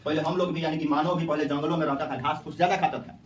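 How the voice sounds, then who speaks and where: A man's voice: a little high, fairly even intonation, rapid-fire, slight background noise. A male teacher, lecturing a class and quizzing students with repeated questions. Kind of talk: classroom lecture with call-and-response. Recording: echoey classroom, mic at a distance.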